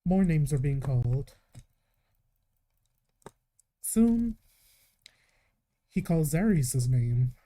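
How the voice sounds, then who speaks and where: A man narrating a live tabletop game as game master, telling the story calmly and slipping into short in-character lines. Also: fairly high pitch, drawn-out words, long pauses, slight background noise. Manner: calm storytelling with in-character asides.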